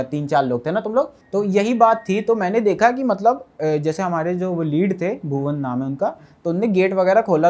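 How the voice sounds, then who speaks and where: A man who survived a fire, giving an earnest, rambling eyewitness account to an interviewer with many fillers. He often drops to a quieter voice as he recounts it. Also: high voice.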